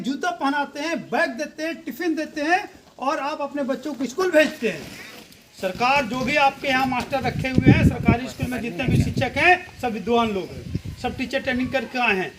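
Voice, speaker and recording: A man with a very high voice addresses a community gathering in a public speech. His tone is bright and forceful as he exhorts the listeners, piling up rhetorical questions and repeated lists. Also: slight background noise, poor audio. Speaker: speaker at a community blanket distribution event.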